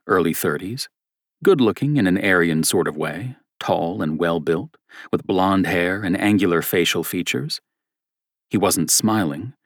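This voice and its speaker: A man narrating an audiobook novel in a steady, measured reading style. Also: sits low, no echo, studio quality.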